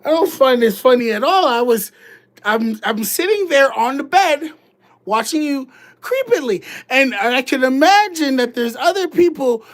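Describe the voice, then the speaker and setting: A woman's voice: high voice, lively intonation, moderate pace. A woman hosting a casual ASMR livestream, chatting and giggling with her viewers in a rambling way.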